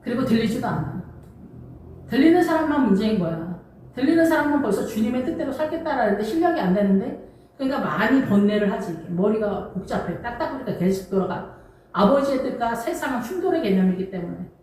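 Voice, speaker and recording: A woman's voice: a little high, lively intonation, brisk, darkish tone. A woman pastor preaching a sermon, emphatic and conversational, full of rhetorical questions. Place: church. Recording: distant mic in an echoey church hall.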